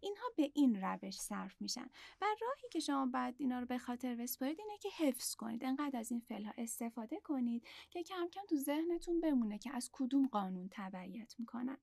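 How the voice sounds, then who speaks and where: A woman teaching a lesson in a higher voice that rises and falls a lot. Her tone has a gravelly, fried edge. The sound is dry and close, with no room echo, and she explains patiently, repeating words slowly. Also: very animated, a little mellow. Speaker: Italian language teacher. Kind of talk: online language lesson.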